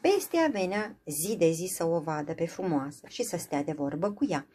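A woman's voice: fairly low pitch, lively intonation, warm tone, a little hiss or hum. A woman reading a fairy tale aloud, narrating expressively. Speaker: storyteller.

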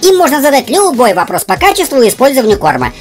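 A cheeky cartoon dog put on by a performer, high and lively in pitch. The husky talks in a bossy way over background music. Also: fast talker. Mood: scolding. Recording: music under the voice.

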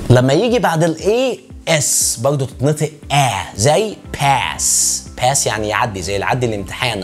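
A man with an Egyptian Arabic accent giving a casual, jokey online lesson and stretching out words slowly to show how they sound. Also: mid-range voice. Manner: playful, jokey, drawn-out slow demonstrations of words. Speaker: English teacher.

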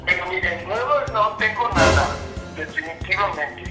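A man's voice: high voice, normal speed, loud music behind the voice. Man, record shop clerk, heard over the phone, patient and helpful, roomy echo. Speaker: record shop clerk taking a prank call.

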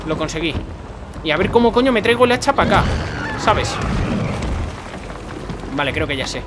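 A young man with a Spain Spanish accent gives live gameplay commentary, swearing and chanting urgent repeated commands with loud outbursts. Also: sits high, very animated, normal speed. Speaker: gaming streamer. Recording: loud game music behind.

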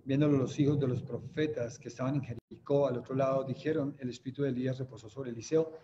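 A man's voice: medium pitch, steady tone, fast, mellow, dull audio, slight background noise. A man with a Colombian accent leading a youth Bible study, reading scripture aloud and explaining it in a conversational, questioning way. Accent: Colombian Spanish. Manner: conversational teacher who checks in with listeners; mimics laughter when retelling stories.

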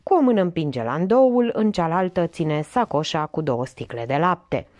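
Woman audiobook reader, expressive, animated delivery, mellow. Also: fairly low pitch, no echo, clean studio sound. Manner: expressive, lively reading. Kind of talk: audiobook narration.

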